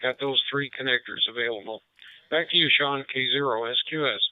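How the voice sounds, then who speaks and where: A man checking in on a ham radio net, halting and hesitant with many filler words, heard over a radio link. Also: mid-range voice, no room sound, narrow, tinny audio. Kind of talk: casual radio net chat.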